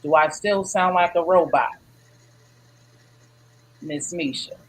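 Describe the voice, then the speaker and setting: A woman's voice: deep voice, slow, poor audio. A woman hosting a casual podcast over an online call, talking in a loose, chatty way and often saying "you know what I'm saying". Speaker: podcast host.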